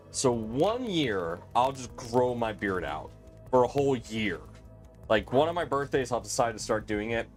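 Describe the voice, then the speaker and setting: A man in his late twenties hosting a casual live stream, rambling and chatty with lots of fillers and restarts. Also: lowish voice. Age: 20s.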